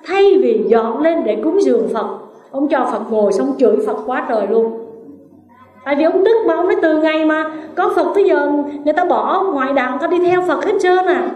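A woman's voice: high voice, dull audio. A woman with a Southern Vietnamese accent giving a Buddhist dharma talk as a nun, telling stories and asking her listeners questions. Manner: storytelling, asks listeners questions, lively shifts. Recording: roomy, distant mic.

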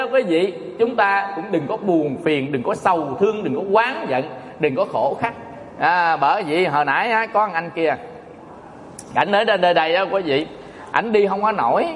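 Joking monk, high voice. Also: male voice, slight background noise. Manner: folksy, joking, addresses audience often. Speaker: Buddhist monk teacher. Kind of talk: Dharma talk sermon. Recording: echoey hall reverb.

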